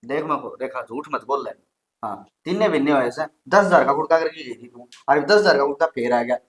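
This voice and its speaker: An actor playing a brother who scolds his sister in a loud, accusing manner, with a Haryanvi accent. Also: medium pitch, a little fast, close to an everyday voice. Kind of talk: village family comedy drama. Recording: echoey room.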